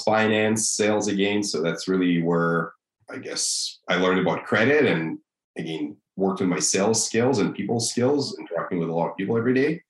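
A man's voice: deep voice, roomy sound, poor audio. A man in his thirties from Russia, a native Russian speaker, easygoing as he tells his story as a podcast guest. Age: 30s. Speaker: guest, mortgage broker. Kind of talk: interview answers.

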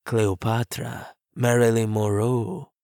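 A man voicing a self-assured crime-family man, calm, measured and charming. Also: medium pitch, no echo, clean studio sound. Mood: suave.

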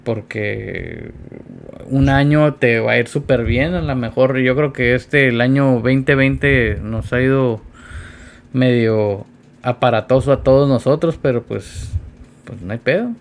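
A man in a casual podcast chat, easygoing and hesitant, pausing on fillers. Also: medium pitch, creaky.

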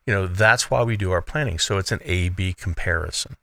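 A man talks as a financial advisor hosting his radio show. His lowish voice is forceful and close-miked in a dry studio, with a conversational, explanatory delivery full of "you know". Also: fairly quick, vocal fry, dry recording.

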